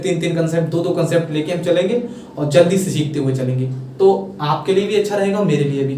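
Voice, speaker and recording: A man teaching English pronunciation in a casual classroom style, repeating his questions and urging viewers to comment quickly. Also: sits high, mellow, slight background noise. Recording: very echoey room, mic at a distance.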